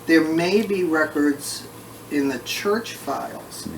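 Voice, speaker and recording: A breathless man with a gravelly, slightly high voice tells family history in a casual, halting way, pausing often. He is recorded at some distance in a roomy space. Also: animated. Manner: halting, with frequent pauses. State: short of breath. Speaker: family history researcher being interviewed. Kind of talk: casual oral history recollection. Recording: roomy, distant mic, faint background noise.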